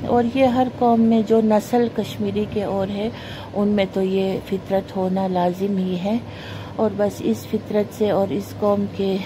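Recorded on a phone camera pointed at the floor, a woman speaks to camera in a moralizing, earnest monologue from a carpeted room in her home. She's a vlogger with a medium-pitched voice, and the background is noisy.

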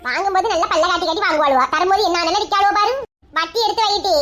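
A woman's voice: very high-pitched, racing, sharp tone. A woman with a Kanyakumari Tamil accent voicing a greedy old village moneylender granny who scolds. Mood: scolding. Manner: scolding, grasping.

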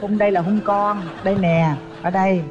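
A woman's voice: mid-range voice, steady tone, a little fast, a little mellow. A woman co-hosts a dating show in a casual, effusive, teasing way. Her voice carries a long reverb tail and the sound is slightly dull, with faint music underneath. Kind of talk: casual chat.

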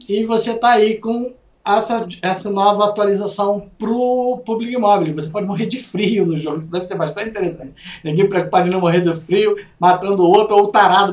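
Sharing his screen from a small room at home, a middle-aged Brazilian man with a Brazilian Portuguese accent chats through gaming news, tossing in jokey asides and swinging his pitch lively. The only mic is a webcam in the corner, leaving the audio roomy and distant.

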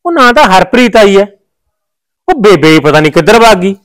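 A man's voice: sits high, sing-song, fairly quick, a bit bright, clean tone. An actor playing a village man back from feeding his buffaloes, grumbling offhandedly. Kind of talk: village web drama acting.

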